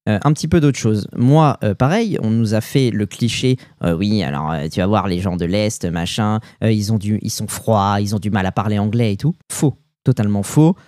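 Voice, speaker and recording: Chatty French man with a mellow voice. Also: lowish voice, moderate pace, few pauses, no echo, clean studio sound. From France. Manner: animated storytelling with slang and fillers. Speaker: podcast co-host. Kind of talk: casual chat.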